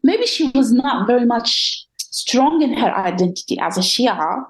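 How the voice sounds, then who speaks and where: Raised in the Gulf in a Palestinian family and a native Arabic speaker, a woman recounts her faith story on a podcast with earnest reflection and a few hesitations. Her slightly high voice is animated yet measured in pace. It's a low-quality recording of a personal testimony interview.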